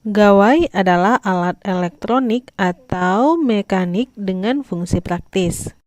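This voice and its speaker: A woman teacher, giving a scripted lesson to young children in a clear, instructive way. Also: medium pitch, takes it slowly, a little mellow, no echo, clean studio sound.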